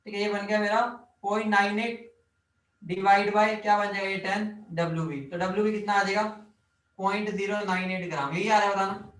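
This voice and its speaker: A man's voice: high-pitched, fairly even intonation, brisk, fairly bright tone. A man teaching chemistry in a classroom lecture, quizzing his students and teasing them as he drills formulas. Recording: echoey room, mic at a distance.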